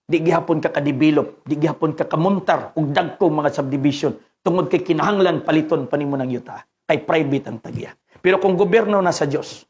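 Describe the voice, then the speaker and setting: Male Filipino pastor, high voice, fervent sermon delivery with sudden drops to a hush. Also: fairly quick. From Philippines. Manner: preaching, mixing Cebuano and Tagalog with English scripture, rising to fervent peaks.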